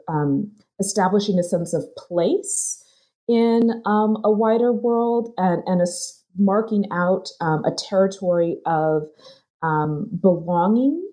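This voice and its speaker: With a fairly low, dark voice, a female author talks through her research in an academic interview. She comes across as thoughtful yet hesitant, restarting often and filling pauses.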